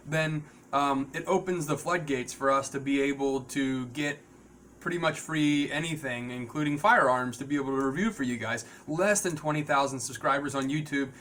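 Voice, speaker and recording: Halting male podcast host, noisy background. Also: mid-range voice, a bit bright. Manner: halting, rambling delivery with repeated words. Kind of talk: casual, unscripted talk to viewers.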